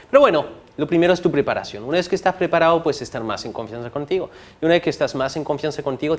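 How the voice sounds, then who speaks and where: Hombre animado dando una clase de oratoria. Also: male voice, fairly high pitch. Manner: animated, frequent tag questions, varies loudness for effect. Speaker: course instructor. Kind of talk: recorded lecture on public speaking.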